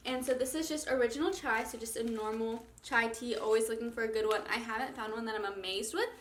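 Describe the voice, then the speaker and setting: A woman's voice: a little high, fairly even intonation, fast. A young woman in her twenties chatting casually to camera in a beauty vlog, bubbly and filling her talk with "like". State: out of breath. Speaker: beauty vlogger.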